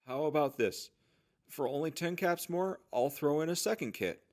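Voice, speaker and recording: In a post-apocalyptic audio drama, a man voices a talkative, accommodating general-store trader who keeps up an eager sales pitch. He speaks at normal speed in a slightly high, expressive voice with a darkish tone that stays near an ordinary speaking voice.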